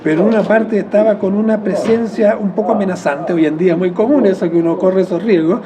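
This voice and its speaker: A man with a Chilean accent, explaining in a rambling, reflective way as an interviewee, often correcting himself mid-phrase and chuckling softly. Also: high voice, fast, a crowd in the background.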